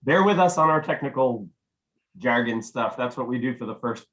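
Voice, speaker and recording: A man, a little hoarse, chatting casually while setting up a video call as host. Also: mid-range voice, animated, moderate pace, fairly bright tone, low-quality recording. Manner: chatty, easygoing, mutters while working. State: losing his voice. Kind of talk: casual Zoom tech check. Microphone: computer mic on video call.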